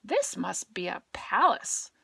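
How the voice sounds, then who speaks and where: A woman's voice: mid-range voice, wildly swooping pitch, takes it slowly, gravelly, fairly bright tone, husky, no room sound, heavily acted. A woman voicing a small, wistful, wondering male toy bear from a storybook, as if reading to a toddler.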